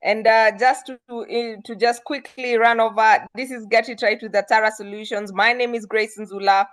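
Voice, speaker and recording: A woman hosting an online talk over a video call, brisk and full of fillers. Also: fairly high pitch, fairly even intonation, fairly bright tone. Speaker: host.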